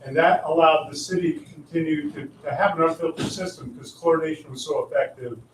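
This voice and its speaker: A man's voice: a little high, quick pace, noisy background. Earnest man explaining figures in echoey room. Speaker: city water supply official answering questions. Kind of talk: explanatory meeting remarks. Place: county board meeting room. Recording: echoey room, distant mic.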